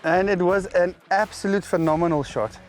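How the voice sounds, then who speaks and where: A man guiding a hunt outdoors, excited and laughing often as he talks about the shots. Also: high-pitched, moderate pace, faint music behind. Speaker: professional hunter guide. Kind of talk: casual hunting show talk. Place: outdoors in the bush.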